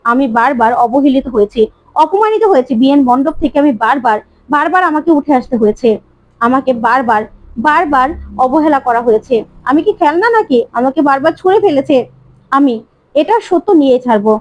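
A woman's voice: high-pitched, lively intonation, brisk, no echo. A woman voicing a scheming, obsessive young woman who keeps repeating her demands. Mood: threatening. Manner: insistent, repeating herself. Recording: slightly muffled dry recording.

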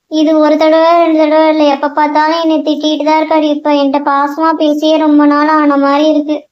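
A woman's voice: high-pitched, close to an everyday voice. A woman voicing an earnest young schoolboy in a cartoon who pleads with his father, recorded with a dull, echoey sound. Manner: pleading and hurt. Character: earnest young schoolboy son, eager to help.

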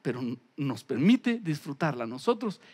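A middle-aged man, a pastor preaching a storytelling sermon, animated, acting out the voices he quotes. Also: mid-range voice, normal speed, slightly rough, big-room sound.

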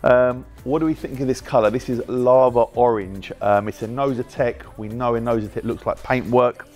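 Soft background music plays as the British owner of a car wrap business, a man in his thirties, gives a casual, joking tour of his big, bright indoor workshop and chats with his team. His British-accented voice is medium-pitched, a little mellow and steady, at a normal speed.

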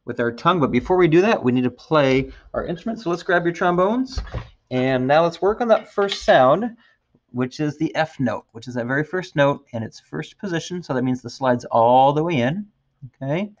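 A man teaching a beginner trombone lesson, patient and encouraging, counting out loud with his students. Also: fairly high pitch, lively intonation, moderate pace, muffled recording. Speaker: music teacher.

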